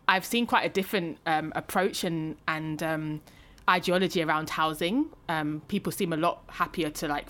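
A woman co-hosting a podcast, reflecting aloud in a thoughtful, measured way. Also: deep voice, a bit bright. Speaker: podcast co-host. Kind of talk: reflective discussion.

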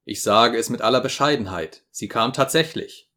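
A man reading an audiobook aloud in a steady, expressive way. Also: mid-range voice, normal speed. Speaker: audiobook narrator.

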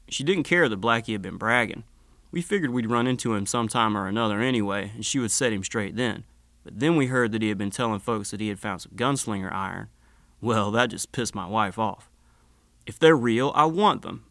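A man's voice: medium pitch, fairly bright tone, no room sound. A man narrating a first-person story in a laid-back, wry and profane way.

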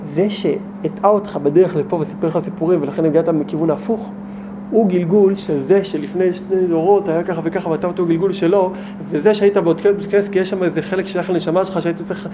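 A man with a notably high voice, a rabbi, teaches a small group. His delivery is animated and emphatic, full of rhetorical questions aimed at his listeners, and faint noise can be heard behind him.

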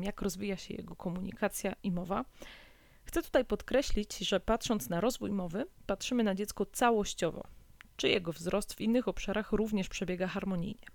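A woman hosts an informative podcast in a calm, measured way. Her voice carries a gravelly fry. The sound is dry and close, with no room echo. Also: mid-range voice. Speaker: podcast host.

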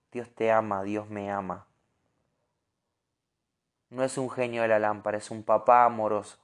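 A man with a Rioplatense Spanish accent giving an earnest, animated devotional sermon, sometimes restarting his words. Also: fairly low pitch. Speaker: preacher.

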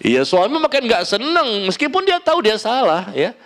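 A man preaching a sermon and answering audience questions, talking in an animated, emphatic and gently humorous way, addressing the listeners directly. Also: high-pitched, normal speed. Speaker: Islamic preacher.

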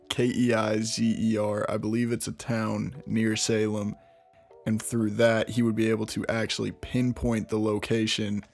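A man's voice: fairly low pitch, creaky. A man hosting a true crime podcast, recounting a case in a casual, conversational way with frequent restarts and asides. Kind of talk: casual storytelling narration.

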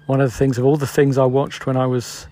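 A man's voice: mid-range voice, little pitch movement, fast talker, mellow, slight background noise. A British man in his forties, host of a solo podcast, musing aloud in a loose, rambling way.

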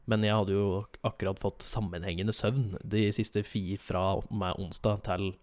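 A man's voice: fairly low pitch, fairly even intonation, darkish tone. A young man telling a long story in casual chat, rambling with many fillers and self-corrections.

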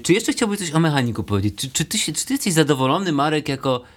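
A man's voice: on the high side, sing-song, quick pace. A man hosting a podcast who chats casually and teases his guest with jokes. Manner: teasing, joking, chatty. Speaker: podcast host.

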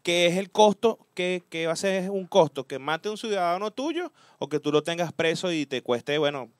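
A man's voice: high voice, animated, normal speed, no echo. Venezuelan young man chatting casually. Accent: Venezuelan Spanish. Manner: storytelling, asks rhetorical questions, slangy. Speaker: podcast co-host. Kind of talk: casual chat.

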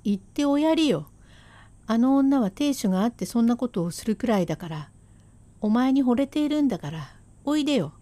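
A sharp-tongued Edo wife, voiced by a woman storyteller, scolding on and on in a fairly high but mellow voice. The sarcasm never lets up. The sound is dry and close, as in rakugo storytelling. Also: lively intonation, brisk, no room sound, close to an everyday voice. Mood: sarcastic.

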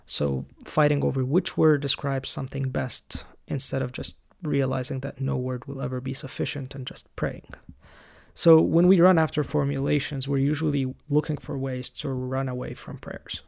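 A man hosting a solo teaching podcast, explaining church history in a calm, lightly wry way. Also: medium pitch, normal speed. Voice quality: gravelly. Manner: raised in the Coptic Orthodox Church. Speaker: podcast host.

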